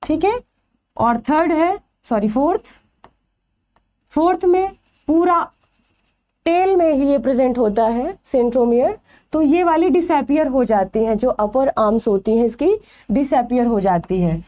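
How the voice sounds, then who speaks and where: A woman's voice: high voice, unhurried, dark tone. A woman teaching a biology exam-prep lecture. She asks questions and answers them herself, stretching out the key terms.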